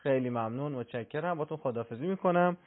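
A man hosting a radio call-in show, speaking formally and courteously to callers. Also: mid-range voice. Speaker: radio host. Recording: narrow lo-fi radio sound.

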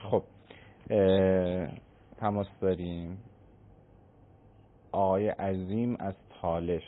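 Deep-voiced man hosting a religious phone-in. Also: a little hiss or hum. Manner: polite, formal welcomes. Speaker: call-in show host. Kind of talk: hosting a religious call-in program. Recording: tinny phone-band broadcast.

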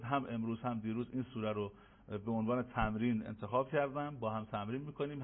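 A man teaching Quran recitation in an online lesson, slowly drilling letter sounds for listeners to repeat. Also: medium pitch. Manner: slow, emphatic drilling of sounds for repetition. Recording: tinny phone-like audio.

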